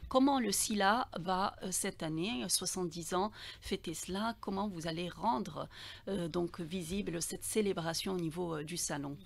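A woman. She speaks in a slightly low voice, brisk as she announces times and recaps the topic. She is close on a studio boom mic. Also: creaky. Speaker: radio host. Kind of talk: radio talk show hosting. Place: radio studio. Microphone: studio mic on boom arm, headphones.

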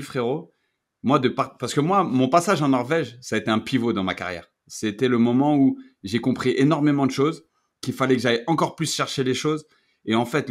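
A man who hosts a podcast and once played football, speaking in casual chat with an earnest, sincere tone. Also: medium pitch. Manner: earnest, sincere tribute to a friend. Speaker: podcast host, former footballer.

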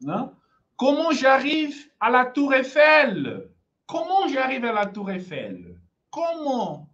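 A woman's voice: a little high, muffled recording. A Brazilian woman with a Brazilian Portuguese accent, teaching an online French lesson. She repeats each phrase patiently and keeps checking in with her students.

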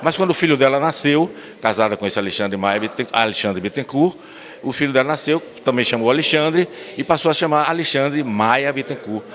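A man's voice: mid-range voice, lively intonation, fairly quick, fairly bright tone. An older man from Bahia, telling local history earnestly as a guest in a council chamber interview, into a handheld mic. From São Miguel das Matas, Bahia, Brazil. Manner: earnest storyteller, expansive, restarts words. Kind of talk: recorded interview. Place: municipal council chamber, indoors. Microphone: handheld mic held by interviewer.

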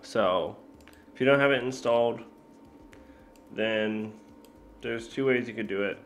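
Laid-back slow-talking man explaining code. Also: medium pitch, a little hiss or hum. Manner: laid-back, filler-heavy, thinking aloud with self-corrections. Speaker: programming tutor. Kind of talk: casual screen-recorded coding tutorial.

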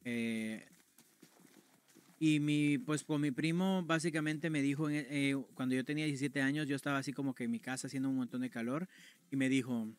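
A man's voice: mid-range voice, fairly even intonation, fairly quick, clear, resonant tone. A man from Guatemala with a Mexican accent, telling a story to his stream chat in a crude, slangy, casual way. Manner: slangy, crude, keeps tagging "güey".

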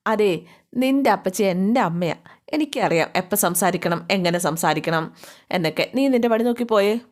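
A woman's voice: medium pitch, animated, normal speed, natural voice. Young man voiced by a woman, curt, cold, dismissive.

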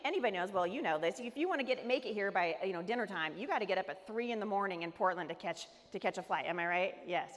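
A middle-aged American woman giving a humorous storytelling sermon, acting out the people in her story. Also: medium pitch. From United States. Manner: animated, humorous storytelling with character voices. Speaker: speaker. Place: large event hall. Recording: echoey hall reverb.

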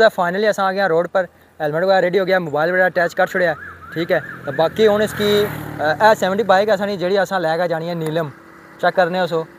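A young man casually showing how to fit a phone mount to a helmet, rambling and repeating himself, recorded outdoors on a phone. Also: a little high. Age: young adult. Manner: rambling, repeats "thik ai" and "check karne aan". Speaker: motovlogger. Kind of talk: casual unboxing and setup demo. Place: outdoors on a rooftop, then a roadside.

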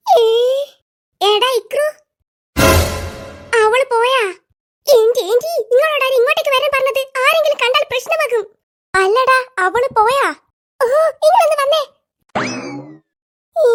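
A voice actor voicing squeaky schoolkids in an animated comedy, trading quick teasing banter. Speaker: cartoon voice actor.

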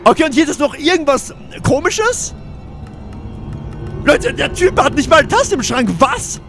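A man with a hoarse voice giving let's play commentary to viewers, excitable, yelping and shouting when chased. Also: extremely high pitch, unhurried, soft background music. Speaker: gaming video creator.

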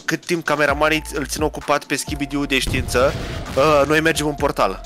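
A young man co-hosting a role-play gaming video, excitable and shouty, yelping in mock panic. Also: a little high, over music. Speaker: gaming co-host. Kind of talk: role-play game commentary.

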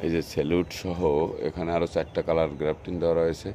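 Low, mellow, and fast, with little change in pitch, this man's voice has a slight hiss or hum in the background. Hosting a nursery video with a Bangladeshi Bengali accent, he walks through the outdoor nursery casually, showing off plants in a repetitive, salesy manner.

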